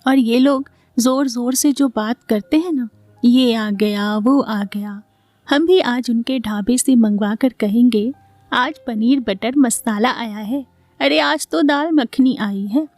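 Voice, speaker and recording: A woman's voice: a little high, slow pace, darkish tone, dry recording, soft background music. A woman voicing a dramatic, scheming mother-in-law who talks theatrically and often sounds exasperated.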